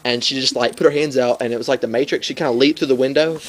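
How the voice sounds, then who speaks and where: Fast-talking young man telling tales. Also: mid-range voice, fairly even intonation. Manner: rambling, fillers of "like", laughing through the telling. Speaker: storyteller among friends. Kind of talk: casual comic storytelling. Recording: loud background noise.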